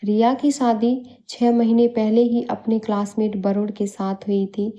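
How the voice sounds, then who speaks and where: A woman narrating a scripted storybook in a calm, even manner. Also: mid-range voice, a little slow.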